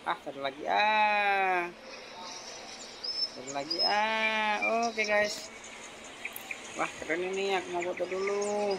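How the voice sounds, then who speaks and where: Gaming host, casual gameplay commentary, excitable, exclaims and laughs, slow easygoing delivery, loud background noise, birds chirping. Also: medium pitch.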